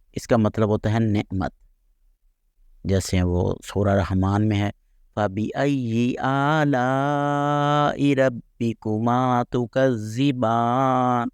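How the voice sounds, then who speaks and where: Calm low-voiced male recitation teacher. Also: vocal fry, no room sound. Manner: patient, slow, repeats sounds aloud to demonstrate. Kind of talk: tajweed lesson, explaining and demonstrating sounds.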